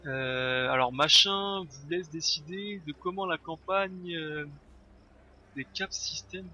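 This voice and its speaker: A man's voice: fairly high pitch, slow, pushed and bright. A man casually commenting on his strategy game as he plays, thinking aloud with frequent hesitations. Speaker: let's play host. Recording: slightly dull lo-fi sound, faint noise.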